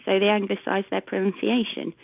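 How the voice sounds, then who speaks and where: A woman with an English accent talking as a research director on a radio interview, brisk, wry and explanatory. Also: mid-range voice, little pitch movement, gravelly, no echo, low-quality recording. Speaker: consumer research director, studio guest. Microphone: studio microphone.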